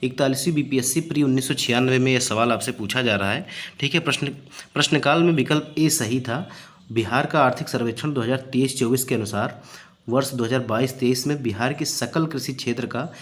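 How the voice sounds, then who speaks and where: A man teaching a recorded exam-prep lesson. His pitch sits in an ordinary middle range. He explains patiently, leans on fillers and says key figures twice. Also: fairly quick. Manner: explanatory, many fillers and repeated phrases. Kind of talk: exam-prep lecture solving past questions.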